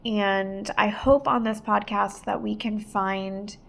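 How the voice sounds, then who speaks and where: Woman, podcast host, gravelly voice, earnest reflective monologue. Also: mid-range voice, fairly even intonation, takes it slowly.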